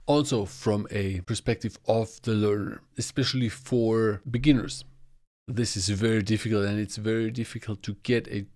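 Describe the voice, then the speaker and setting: A man's voice: on the low side, a little mellow. A man in his forties hosting a solo podcast in a small home studio. He explains things at length and gestures with his hands as he talks into a close podcast mic. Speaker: podcast host. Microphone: podcast mic on boom arm, close.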